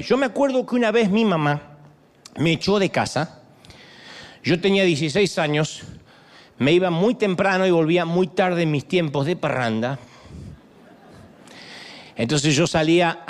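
A man in his fifties preaching a sermon, telling stories in an animated, humorous way. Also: high voice, big-room sound. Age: 50s.

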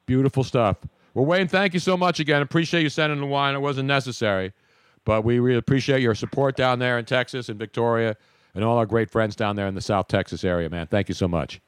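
A man's voice: medium pitch, fast talker, clear, resonant tone, dry recording. A middle-aged man hosting a casual sports talk radio show, brash and wisecracking, wandering from topic to topic at a studio microphone. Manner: brash, wisecracking, digresses freely.

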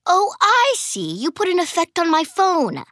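A woman's voice: very high voice, huge pitch swings, measured pace, very noisy, heavily acted. A sarcastic preteen cartoon girl. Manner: sarcastic, exasperated. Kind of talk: cartoon voice acting.

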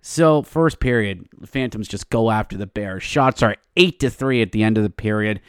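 A man's voice: fairly low pitch, moderate pace, smooth, no room sound, studio quality. A man hosting a sports podcast gives a casual, opinionated game recap in a wry, colloquial way with short emphatic phrases.

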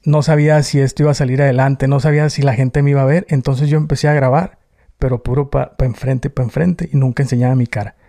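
A man's voice: mid-range voice, dark tone. A man from Tijuana with a northern Mexican accent, chatting casually and in colloquial slang as a YouTuber being interviewed. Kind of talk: casual chat.

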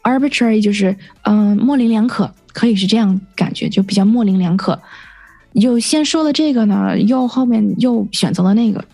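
A woman's voice: mid-range voice, moderate pace, vocal fry, dark tone, soft background music. A woman teaching English vocabulary on a radio lesson, patiently explaining words and spelling them out letter by letter.

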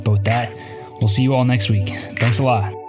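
A man hosting a podcast, giving market commentary in a measured, explanatory way. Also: medium pitch, steady tone, over loud music. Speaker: podcast host.

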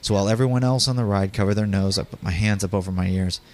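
A man with a fairly low voice narrates like a podcast host sharing personal memories. He speaks conversationally, straight to the listener, as if reading from loose notes. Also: quick pace, darkish tone. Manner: conversational storytelling, addressing listeners directly.

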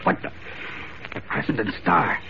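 An actor playing a suspicious waterfront informant in 1940s radio drama, curt tough talk. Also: male voice, moderate pace, natural voice. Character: stooped, shifty, suspicious male waterfront informant crook. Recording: very noisy, dull 1940s radio recording.

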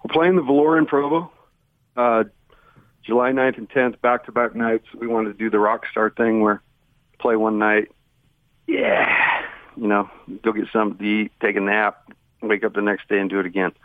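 A man's voice: on the low side, fairly even intonation, normal speed, no echo. An American man chatting casually as a phone-in guest on a radio show, with a joking manner. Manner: joking, banter with the hosts. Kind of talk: casual phone interview chat. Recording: tinny, narrow phone line.

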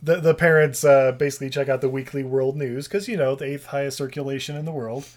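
Speaking quickly in a mid-range voice, a podcast host in his thirties rambles through a movie recap with his friends. He laughs a lot and slips into goofy voices when quoting. The whole thing is a casual chat.

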